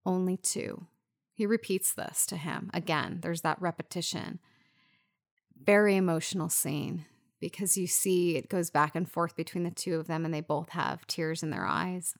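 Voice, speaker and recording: A woman co-hosting a casual film podcast, her voice gravelly with vocal fry. She is emotional and near tears as she retells a scene. The recording is dry and close. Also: lowish voice, normal speed, no echo. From Las Vegas. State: crying. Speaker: podcast co-host.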